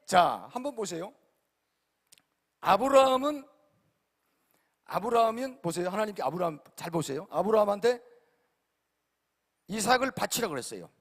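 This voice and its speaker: A male pastor preaching an emphatic sermon, repeatedly questioning his congregation and swinging between loud and quiet. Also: high-pitched, animated, normal speed, pauses often. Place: large church sanctuary. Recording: long hall reverb.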